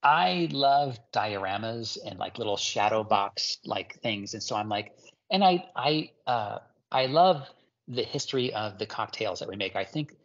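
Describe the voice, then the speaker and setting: A man's voice: lowish voice, expressive, unhurried, dull audio. A man from Hawaii chatting as a guest in an interview, enthusiastic and rambling with lots of fillers. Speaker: guest ceramic artist. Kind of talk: casual interview chat.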